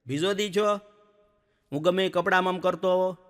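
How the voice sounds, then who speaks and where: Brief: male stand-up storyteller, high bright voice, lively village yarns, stage hall reverb. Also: normal speed, smooth. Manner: lively joke-telling, acts out villagers and animals. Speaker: stand-up comedian. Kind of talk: folk comedy storytelling.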